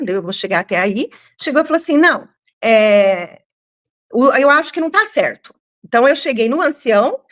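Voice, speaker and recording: A Brazilian woman with a slightly high voice recounts her own story in an emotional personal testimony. She speaks firmly and fairly loudly, with frequent hesitant restarts. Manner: firm, rather loud speaking voice. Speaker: church member giving testimony.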